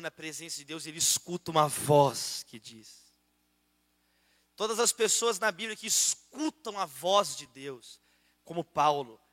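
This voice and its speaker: Preaching and praying in a large church auditorium hall, a Brazilian Portuguese-accented pastor with a voice on the high side alternates loud prayer with quieter asides.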